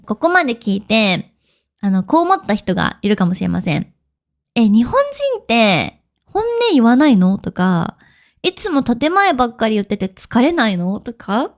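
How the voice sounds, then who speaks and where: A woman teaching as an online language teacher in a casual podcast lesson, chatty, with lively pitch swings and frequent soft laughs. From Japan.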